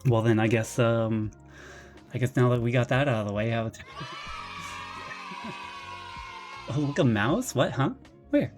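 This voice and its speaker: A man streaming from his bedroom, chatting casually, rambling and excitable, with lots of restarts and a slightly nervous, jittery edge. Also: mid-range voice, moderate pace, soft background music. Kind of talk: casual live-stream chat.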